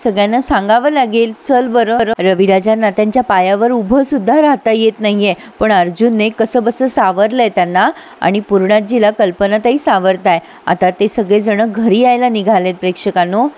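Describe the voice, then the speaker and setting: Expressive woman recapping a TV serial. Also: medium pitch, moderate pace, few pauses. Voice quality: expressive, exclamatory delivery. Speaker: TV serial reviewer. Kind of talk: voice-over episode recap.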